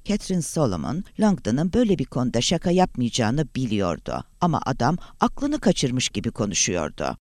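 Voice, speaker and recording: A man narrating a thriller audiobook with a dramatic, expressive reading. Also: medium pitch, moderate pace, few pauses, no room sound, studio quality. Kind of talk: scripted narration.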